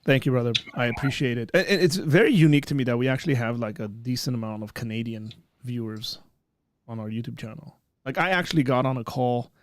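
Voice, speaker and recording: A man in his thirties hosts a live birthday stream from a green-screen streaming setup, chatting casually and rambling with plenty of fillers and restarts. He talks fast in a mid-range voice, and the recording is dry.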